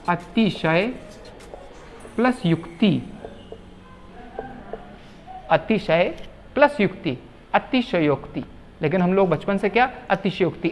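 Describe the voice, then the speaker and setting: A man teaching correct Hindi spelling, repeating words slowly and asking the viewers rhetorical questions. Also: high voice. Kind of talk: explaining spelling at a whiteboard.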